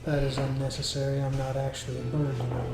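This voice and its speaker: A man playing an unruffled, worldly shapeshifting vampire in a tabletop game, speaking formally and in measured phrases. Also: medium pitch, flat delivery, close to an everyday voice. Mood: calm, cautionary. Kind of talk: improvised tabletop role-play. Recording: roomy echo, clear music behind. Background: music.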